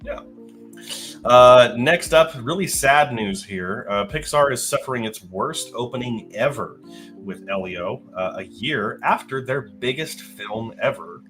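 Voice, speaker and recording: Faint music plays behind a young podcast co-host whose sinus-clogged, mid-range voice is fairly bright with lively intonation. Speaking a bit slowly, he chats about movie news in a rambling way, full of fillers and restarts.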